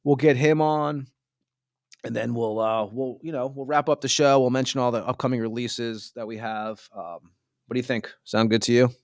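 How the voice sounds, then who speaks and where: A man's voice: mid-range voice, steady tone, normal speed, no echo, clean studio sound. A man hosting a podcast in a casual, informal interview style, addressing the guest like a buddy. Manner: informal, says "man" often. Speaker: podcast host.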